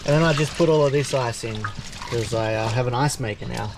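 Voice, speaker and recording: A man's voice: medium pitch, a little fast. A man talking casually to camera as a vlogger. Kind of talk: casual vlog talk to camera. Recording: clear background noise.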